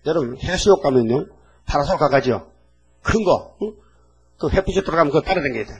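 A man in his eighties giving a sermon as a pastor, talking in a folksy, animated way and often tossing rhetorical checks at the congregation. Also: on the high side, brisk, slight background noise, low-quality recording.

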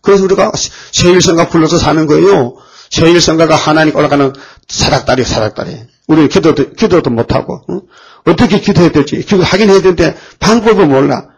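A man preaching a sermon, often pausing to put questions to the congregation. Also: on the high side, creaky, slightly rough, rough recording. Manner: rhetorical questions to the congregation, frequent fillers.

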